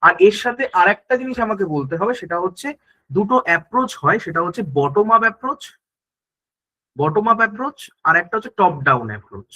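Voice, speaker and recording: A man's voice: high voice, very animated, quick pace, pushed and bright, poor audio. A man teaching an online exam-prep class, explaining step by step, asking questions on his students' behalf and answering them, and often checking that they follow.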